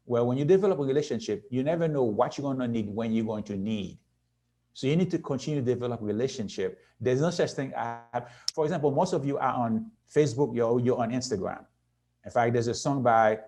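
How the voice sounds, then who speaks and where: A man in his sixties speaks at a youth conference, earnest and steady, often checking in with his listeners. His voice sits at an ordinary middle pitch, and his pace slows and quickens as he makes his points. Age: 60s. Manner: earnest, repeats "right?" to the audience. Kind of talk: motivational presentation.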